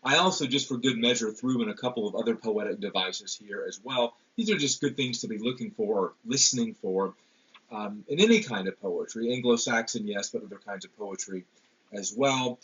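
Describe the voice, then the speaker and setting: A man giving a classroom literature lecture, pausing often with ums and repeated words. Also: lowish voice, expressive, fairly bright tone, slightly rough. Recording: dull lo-fi lecture recording.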